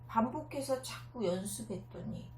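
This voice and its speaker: A woman voicing a frustrated, competitive young schoolgirl in a high, whiny child voice, read aloud in an echoey room. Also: animated, normal speed, a little mellow, a little hiss or hum, lightly acted. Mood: sulky.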